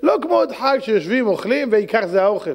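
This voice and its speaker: A rabbi giving an animated sermon, acting out the people in his stories and sometimes shouting. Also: high-pitched, big-room sound. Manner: animated storyteller, acts out voices and shouts.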